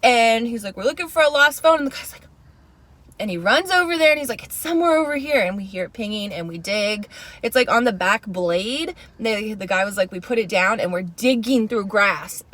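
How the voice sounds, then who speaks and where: A woman co-hosting a podcast in casual chat, telling a story in an animated way and acting out what other people said. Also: mid-range voice, brisk. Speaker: podcast co-host.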